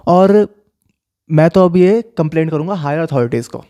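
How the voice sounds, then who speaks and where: A young man casually telling a story from his school days, animated, mixing in English phrases. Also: fairly high pitch, moderate pace. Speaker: storyteller vlogger.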